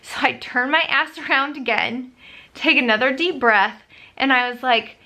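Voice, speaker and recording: A woman's voice: high-pitched, normal speed, bright, forceful tone. A young adult woman telling a story to camera in a casual vlog, chatty, acting out what others said. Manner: chatty, retells others' lines in quotes. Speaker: vlogger.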